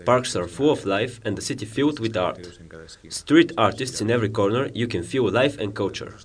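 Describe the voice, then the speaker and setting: Man reading a letter in a lowish voice. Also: normal speed. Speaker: voice-over reader.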